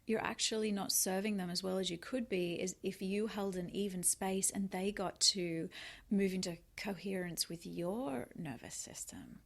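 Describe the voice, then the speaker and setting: A woman with a medium-pitched voice hosts a podcast conversation. She reacts with eager, wide-eyed enthusiasm and echoes her guest's points back. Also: steady tone, normal speed, creaky. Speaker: podcast host.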